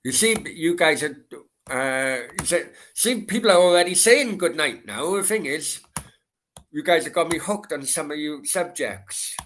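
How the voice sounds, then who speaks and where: Bright-voiced sweary Welsh Valleys man. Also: a little high, expressive, a little slow, a little hiss or hum. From Merthyr, south Wales. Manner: sweary, rambling, repeats himself. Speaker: livestream host. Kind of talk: casual late-night football Q and A chat.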